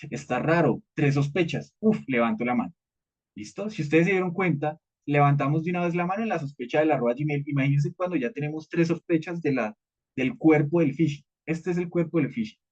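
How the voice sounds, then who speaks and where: This slightly high, somewhat mellow male voice moves a little quickly as he runs a live cybersecurity class, chatting with the group in a teaching tone. Frequent "¿listo?" checks and recurring fillers punctuate his explanations, captured on dull, lo-fi audio.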